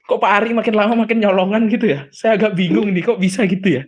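A man's voice: sits high, fast, highs cut off. A man bantering playfully, full of teasing innuendo, in an improvised comedy skit.

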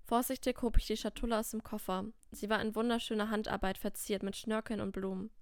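A woman reading a first-person storybook tale in a steady, scripted narration. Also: medium pitch, brisk, no room sound, studio quality. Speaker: podcast host and author reading her story.

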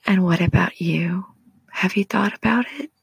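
Woman, 40s, low gravelly whisper, gentle devotional ASMR-style guide. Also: no echo, poor audio. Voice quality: breathy whisper. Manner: slow, soft and prayerful, speaks directly to the listener.

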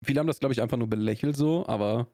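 Talking very fast in a mellow, mid-range voice, a young Swabian-accented man from Augsburg, Germany, co-hosts a podcast. The casual conversation wanders, full of fillers and false starts, and the studio sound is clean with no room echo.

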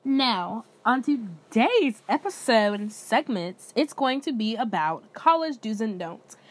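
Young woman, twenties, podcast host, casual profane slangy chat, fairly high voice. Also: very animated, takes it slowly, noisy background. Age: 20s. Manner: loose, slangy and profane, addresses listeners as y'all.

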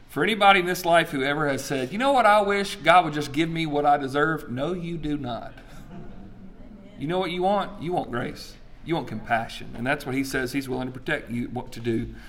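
A man's voice: mid-range voice, a bit bright. A male pastor in his forties preaching a sermon, telling stories and asking the congregation questions. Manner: storytelling, emphatic, asks the crowd questions.

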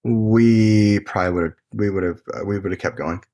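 A man telling an adventure story in a casual, excitable way, swearing and saying "dude" often, as an interview guest. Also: on the low side, moderate pace, no echo, clean studio sound.

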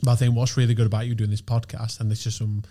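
Casting: man, thirties, relaxed podcast guest, lowish warm voice, rambly and easygoing. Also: fast talker. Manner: chatty, rambling, lots of "like" and restarts. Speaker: podcast guest, agency founder. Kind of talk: casual podcast chat.

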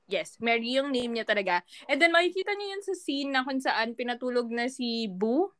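A woman's voice: a little high, animated, moderate pace, fairly bright tone, no room sound, studio quality. A Filipino woman in casual chat, telling fun facts in a playful, giggly way. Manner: giggly, playful, mimics goat bleats. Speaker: co-host sharing fun facts.

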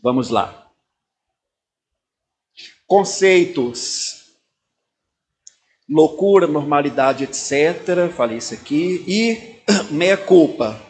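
Brazilian male pastor with a slightly high voice, casual talk, keeps asking the audience "right?". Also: lively intonation, takes it slowly, long pauses, darkish tone. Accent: Brazilian Portuguese. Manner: conversational, keeps turning to listeners with tag questions.

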